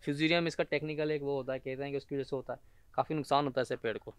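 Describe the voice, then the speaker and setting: A man's voice: medium pitch, fairly even intonation, very fast, clean tone, no echo. A young man from Pakistan vlogging on a walk through a mango orchard, chatting and explaining to the camera as he goes. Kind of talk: casual vlog walkthrough.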